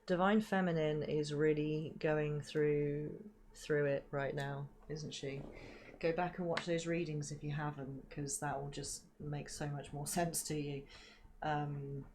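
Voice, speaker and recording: A woman giving a spiritual card reading in a slow, soft, reflective way, with frequent ums and repeated words, into a desk microphone at home. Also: deep voice, flat delivery. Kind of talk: livestreamed tarot reading.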